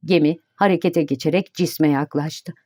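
A woman narrating an audiobook in a steady, even reading voice. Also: deep voice, moderate pace, dry recording, studio quality.

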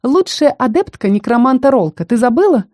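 A woman's voice: fairly high pitch, very animated, brisk, a little mellow, no room sound, clean studio sound, pitched above the performer's own voice. A woman voicing a bold, sarcastic young female necromancer apprentice with a brash, teasing way of talking.

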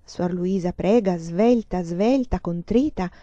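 A woman reading a novel aloud in an expressive, measured way. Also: fairly low pitch, no room sound, dull audio. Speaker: reader.

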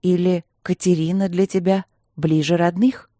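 A woman's voice: on the low side, level tone, dark tone, no echo, clean studio sound, lightly acted. A woman doing a cold contemptuous sister. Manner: cold, heavy and measured.

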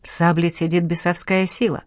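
A woman's voice: lowish voice, little pitch movement, brisk, no echo, clean studio sound, lightly acted. A woman reading the lines of a smug, wealthy male industrialist in an audiobook, with a self-assured manner.

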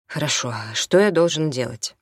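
Narrator voicing a quiet, weary young father. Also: medium pitch, animated, moderate pace, no echo, studio quality. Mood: subdued.

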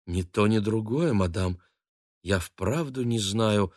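A man's voice: lowish voice, slow pace, a little mellow, dry recording, clean studio sound. A man voicing a shy, flustered young woman who answers her mistress timidly. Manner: timid, bewildered.

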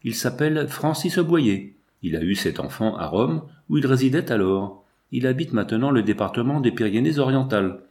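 A man's voice: mid-range voice, expressive, moderate pace, few pauses, a little mellow, lightly acted. A man voicing a sly, insistent male business agent in an audiobook, with an eager, self-assured manner. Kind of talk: audiobook character voice.

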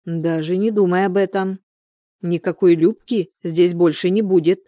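A woman's voice: on the low side, steady tone, normal speed, warm tone, no room sound, studio quality, close to an everyday voice. A woman reading the part of a hot-tempered village wife and mother who scolds sharply. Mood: scolding.

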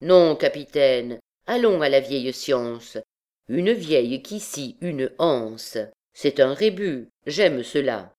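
A woman's voice: extremely low pitch, animated, takes it slowly, darkish tone, exaggerated voice. A woman voicing a cocky young male student who talks in a teasing, haughty way.

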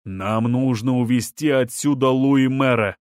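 A man reading the lines of an urgent male companion who shouts commands to get a woman out of a crowd. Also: medium pitch, a little slow, no room sound, studio quality, close to an everyday voice.

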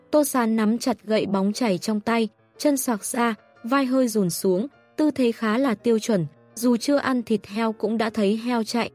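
A woman narrating an audiobook in a steady, even reading voice. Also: a little high, no room sound. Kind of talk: scripted narration.

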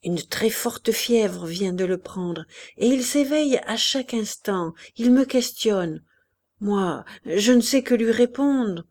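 A woman voicing a stern older bourgeois mother who speaks in a hushed, grave way. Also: mid-range voice, lively intonation, takes it slowly, voice pushed up.

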